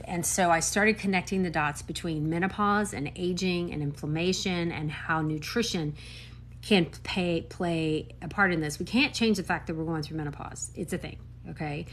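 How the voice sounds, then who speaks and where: Animated woman in her fifties, low-voiced. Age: 50s. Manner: animated and emphatic, with quick asides. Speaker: doctor. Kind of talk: casual talk to camera.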